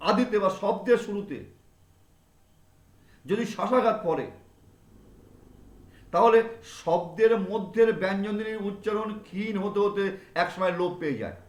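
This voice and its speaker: A male teacher giving a classroom grammar lesson, repeating example words over and over to drill them in. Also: sits high. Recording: echoey room.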